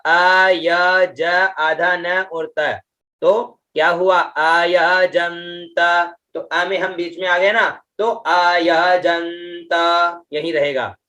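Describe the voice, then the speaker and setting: Man chanting Vedic verses slowly, bright-toned. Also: fairly even intonation. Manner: slow, drawn-out chanting of mantra syllables with pitch-accent explanations; patient, repeats "ठीक है" and "है ना" often. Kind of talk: online class lesson.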